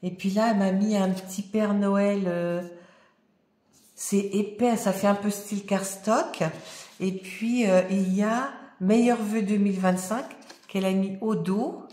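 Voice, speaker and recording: A woman chatting casually as she unboxes craft mail, her voice slightly hoarse and often dropping to a murmur. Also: medium pitch, steady tone, a little slow. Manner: soft-spoken, often murmuring to herself. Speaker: crafting vlogger. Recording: echoey room, faint noise.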